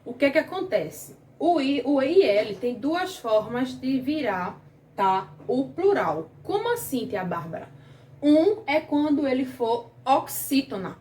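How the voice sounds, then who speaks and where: A woman's voice: high voice, expressive, takes it slowly, a little mellow, echoey room, distant mic, a little hiss or hum. A woman teaching a grammar lesson to children, patient and questioning, stretching out key words, with a Brazilian Portuguese accent. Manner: patient, asks the class questions, drags out words.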